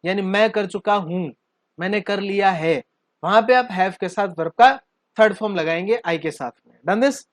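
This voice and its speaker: A man's voice: sits high, measured pace, no room sound, studio quality. A man from northern India, teaching spoken English at a board in a playful way, often checking in with his students. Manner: playful, addresses students directly, checks understanding with questions.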